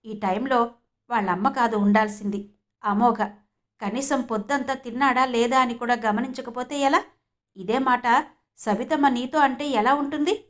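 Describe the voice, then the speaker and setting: A woman's voice: a little high, normal speed, a bit bright, close to an everyday voice. Woman reading as a scolding older relative. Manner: reproachful, lecturing. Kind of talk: audiobook character reading.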